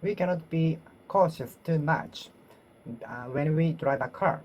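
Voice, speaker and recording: This English learner, a woman with a Japanese accent, talks to herself in solo practice, repeating and reshaping phrases, pausing often and self-correcting. Her voice sits low, and the recording has its high frequencies cut off.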